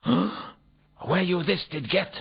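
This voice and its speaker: Through dull, lo-fi game audio, a man performs an earnest, eager foreign archaeology worker for a comic video game. The character uses stilted, garbled word order and pompous long words. The voice sits high and is unhurried, with vocal fry and a little hiss or hum.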